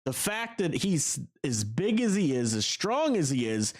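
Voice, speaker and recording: A man hosting a casual basketball podcast chat, animated and quick to laugh, talking in long runs. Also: on the high side.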